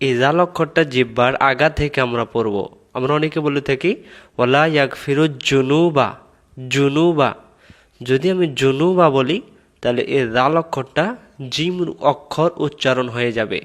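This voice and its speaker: A man teaching the correct pronunciation of a prayer, reciting words slowly and breaking them into syllables. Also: mid-range voice. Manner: slow, drawn-out recitation of Arabic words, repeated syllable by syllable; patient, instructive explanation. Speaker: religious teacher.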